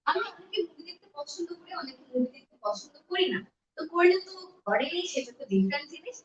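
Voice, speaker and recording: A high-voiced woman teaches English on a live stream, mixing with slow, careful English. Her voice sits back from the mic in an echoey room, with faint background noise. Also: big pitch swings. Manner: switches between Bengali and slow deliberate English. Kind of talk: live-streamed language lesson. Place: room at home. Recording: echoey, distant, dull home mic.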